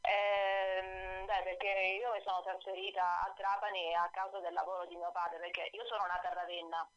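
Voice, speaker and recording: A woman author calling in to a radio interview over the phone, hesitant, with many fillers and soft laughs. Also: lowish voice, little pitch movement, moderate pace. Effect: voice heard over the phone. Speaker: author guest on a radio show. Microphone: telephone. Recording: dull, dry phone line.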